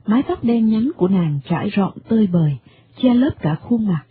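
A woman's voice: medium pitch, normal speed, slightly rough. A woman narrating a radio drama expressively, over a tinny medium-wave broadcast. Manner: expressive storytelling.

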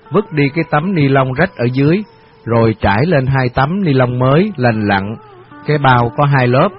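Reflective male narrator, mid pitch, radio memoir, lo-fi with music. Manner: calm, reflective storytelling. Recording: dull radio recording with music.

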